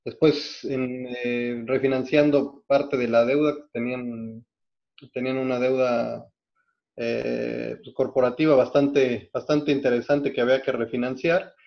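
Mexican man, mid-pitched, steady and methodical, frequent restarts, dull lo-fi sound; podcast guest. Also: a little slow, gravelly. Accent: Mexican Spanish. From Mexico City. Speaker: guest, hospital executive. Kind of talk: podcast interview, recounting career.

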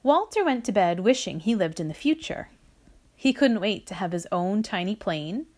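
Female storyteller, unhurried read-aloud, very lively pitch, children's book. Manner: slow, expressive read-aloud delivery.

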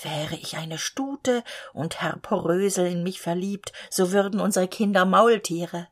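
A woman's voice: fairly low pitch, a little slow. A woman voicing a sly, self-assured male cab horse in a spoken storybook. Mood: smug. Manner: calm, self-assured, scheming.

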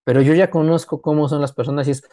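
A middle-aged man, speaking a little high for a man but with a mellow, warm tone. He tells work stories in a casual podcast chat and acts out the people in them. The sound is close and dry, with no room echo. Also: fast talker. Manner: animated storyteller, acts out quoted dialogue. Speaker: business consultant, podcast guest.

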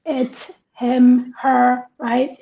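High-voiced woman, dull lo-fi sound. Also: monotone, drawn-out words, vocal fry, mellow. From raised in Italy. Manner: earnest, reflective, laughs easily. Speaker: co-host, life coach. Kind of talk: casual podcast chat.

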